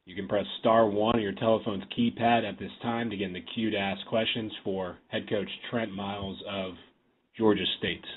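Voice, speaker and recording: A man's voice: on the low side, steady tone, normal speed. A man moderating a media teleconference, formal and polite, reading announcements and introducing the guest. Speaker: call moderator. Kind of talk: scripted call moderation. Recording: phone line.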